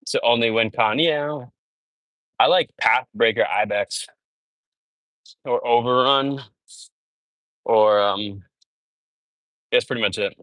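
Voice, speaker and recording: With a mid-range voice, a slow pace and long pauses, a man chats on a live stream while treadmill walking and sweating. His animated stories are peppered with "bro" and "dude," and the low-quality recording has no room sound.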